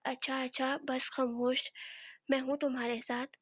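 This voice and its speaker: A woman's voice: high-pitched, flat delivery, breathy edge, no echo. A woman reading the part of a tender middle-aged mother who soothes a frightened girl in a storybook reading. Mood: soothing. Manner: soft, soothing, affectionate.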